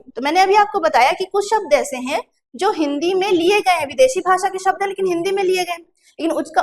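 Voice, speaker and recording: Woman exam-prep tutor, Chhattisgarh Hindi accent, high voice, patient step-by-step explainer. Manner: explains step by step, asking and answering her own questions; slows to drawn-out pronunciation drills. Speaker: teacher. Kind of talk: exam-prep classroom lesson.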